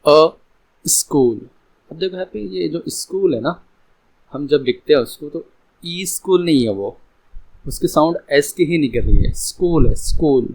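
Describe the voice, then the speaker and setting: Male grammar teacher, unhurried, patient, repeats examples, checks understanding. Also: a little high, lively intonation, a little mellow, rough recording. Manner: explains slowly, repeating examples and asking "है ना". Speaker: English teacher. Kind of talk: grammar lesson.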